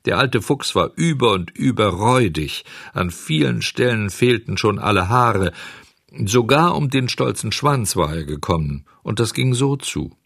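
A man narrating a children's story as an audiobook, measured and expressive, on a close microphone. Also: fairly low pitch, creaky, no echo.

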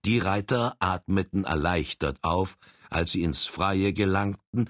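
A man narrating an adventure story in a steady storytelling manner. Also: sits low, a little slow, dry recording, clean studio sound. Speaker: audiobook reader. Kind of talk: scripted narration.

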